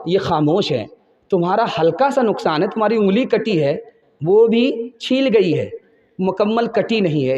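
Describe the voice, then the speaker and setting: A man's voice: high voice, a little mellow, echoey room, highs cut off. A male Islamic preacher with an Indian Urdu accent, giving a sermon full of parables and telling his listeners emphatically to listen closely. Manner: emphatic storytelling, urging listeners to pay attention.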